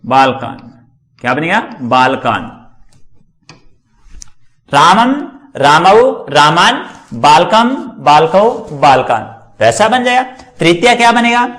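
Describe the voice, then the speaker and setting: A man's voice: on the high side, sing-song, slow pace, pauses often, a bit bright. A man teaching Sanskrit grammar in a classroom lecture, asking questions and answering them himself, repeating each word ending to drill it. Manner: asks and answers his own questions.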